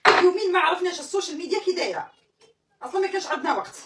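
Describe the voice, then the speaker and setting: Algerian woman streamer, high voice, very fast, casual chat. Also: lively intonation, very noisy. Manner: chatty, exasperated and joking with viewers. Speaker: live streamer.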